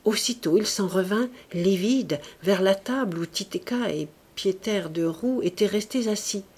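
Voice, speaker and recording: A woman reading a classic novel aloud in measured, expressive scripted narration. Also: medium pitch, breathy edge. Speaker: audiobook reader.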